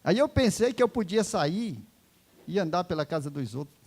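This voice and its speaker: A man preaching an emotional testimony sermon in church, swinging from hushed words to fervent loud exclaiming. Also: sits high, lively intonation, moderate pace.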